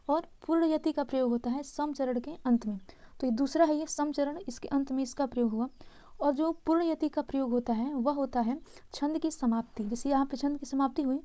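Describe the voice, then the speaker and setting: A woman with a high, mellow voice teaches a grammar lesson. She explains each point patiently and keeps asking her listeners whether they follow. The recording sounds dull and lo-fi. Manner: patient, checks in often with "है ना" and "ठीक है".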